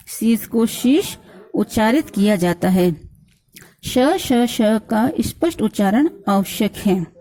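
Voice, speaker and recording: A woman teaching children grammar in a fairly high, mellow voice. She speaks very slowly and spells words out sound by sound. She asks questions and then answers them herself. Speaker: Hindi teacher. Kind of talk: school grammar lesson.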